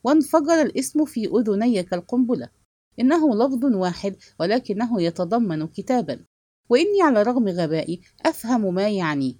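A woman giving an expressive literary narration of a novel as an audiobook reader. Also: a little high, a little fast, no echo.

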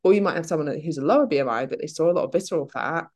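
A British woman hosting a casual fitness Q&A podcast, talking in a chatty, animated way and often interrupting herself. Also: sits low, racing, no echo, clean studio sound. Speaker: podcast host. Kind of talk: casual Q&A chat.

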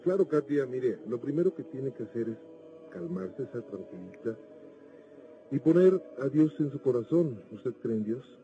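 A man's voice: mid-range voice, big pitch swings, normal speed, warm tone, dull audio. Soothing man hosting a noisy radio call. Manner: soothing, urgent reassurance. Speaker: radio host. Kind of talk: dramatized paranormal radio show.

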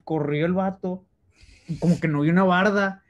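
A man's voice: high voice, steady tone, normal speed, slight background noise. A young man with a Mexican accent, recalling stories in a casual chat with friends, slangy and laid-back. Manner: laid-back storyteller full of slang who quotes himself. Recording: dull lo-fi sound.

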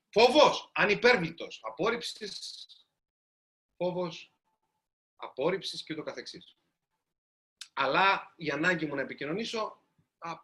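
A man's voice: a little high, bright, forceful tone. A man, a writer, giving a storytelling talk to a live audience and addressing them directly.

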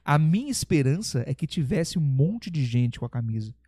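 A man's voice: on the high side, normal speed, slightly rough, no echo. A man with a Brazilian Portuguese accent, a metal singer as a podcast guest, telling stories animatedly, swearing often and acting out what people said. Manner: animated storyteller who swears and acts out quoted lines. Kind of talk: casual podcast chat.

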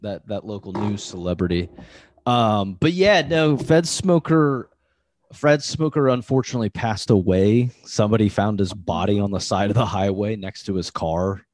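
A man's voice: fairly low pitch, animated, moderate pace, a little mellow, no echo. Man, podcast host, rambling casual chat, filler-heavy, swears, dry close mic. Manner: rambling, laid-back storytelling, full of fillers and swearing.

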